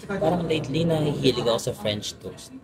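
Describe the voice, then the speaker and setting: A man's voice: fairly high pitch, animated, fairly quick. A young Filipino man with a Filipino accent, chatting playfully as he narrates a casual travel vlog. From Philippines. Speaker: travel vlogger.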